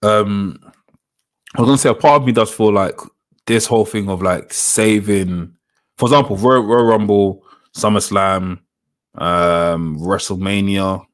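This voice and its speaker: Guy chatting on a show, kinda low voice, says stuff over again, casual. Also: steady tone, measured pace. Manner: repeats phrases for emphasis. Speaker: co-host. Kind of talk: casual chat about wrestling on a live show.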